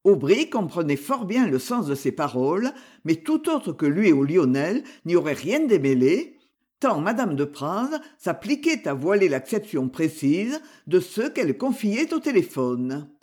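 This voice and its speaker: Slow, husky audiobook narrator. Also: medium pitch. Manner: measured, expressive reading. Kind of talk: scripted narration of a detective novel.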